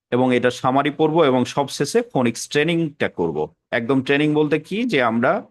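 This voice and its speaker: Patient male pronunciation teacher. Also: mid-range voice. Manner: patient, repeats examples slowly. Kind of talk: classroom lesson.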